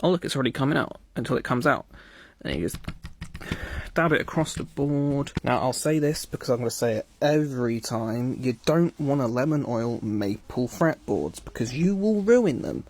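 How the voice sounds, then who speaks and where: A man's voice: mid-range voice, animated, moderate pace, a little mellow, no room sound. Jokey man explaining guitar work. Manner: jokey, playful, swears offhandedly. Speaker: guitar repair vlogger. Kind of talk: casual tutorial narration.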